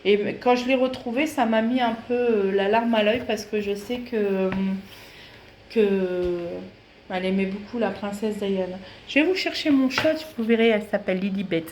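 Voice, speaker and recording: A woman's voice: medium pitch, normal speed, darkish tone. A woman vlogger chatting casually and hesitantly as she shows off her books, with many fillers. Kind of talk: casual book show-and-tell. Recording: echoey room with faint noise.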